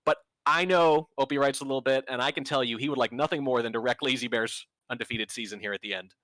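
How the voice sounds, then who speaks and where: Bright-voiced joking male esports caster. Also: medium pitch, quick pace, dry recording. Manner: sarcastic, joking, chatty analysis. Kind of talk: esports commentary.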